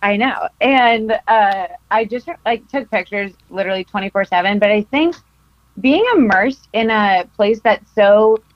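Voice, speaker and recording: A California woman in her twenties, a film photographer from Costa Mesa, appears as a podcast guest, chatting casually with frequent laughter and plenty of likes and ums. Her mid-range voice is unhurried, and the dry recording has its highs cut off.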